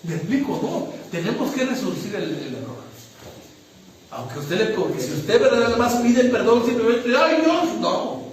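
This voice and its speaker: A man's voice: sits high, sing-song, moderate pace, a little mellow, a little hiss or hum. A man preaching a sermon, emphatic, often checking whether listeners follow. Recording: echoey room, distant mic.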